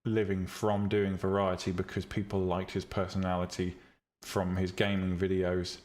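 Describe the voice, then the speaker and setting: A man live-streams, talking casually and bluntly with viewers about making 3D tutorials, with plenty of ums and restarts. He teaches 3D rendering and visual novel making in a calm, relaxing, low voice at a moderate pace.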